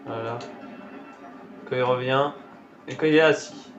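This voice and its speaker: A man's voice: mid-range voice, unhurried. A man giving casual, reactive commentary while showing characters in a game. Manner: reactive, exclaiming at what appears on screen. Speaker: gameplay commentator. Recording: dull lo-fi recording with faint game music.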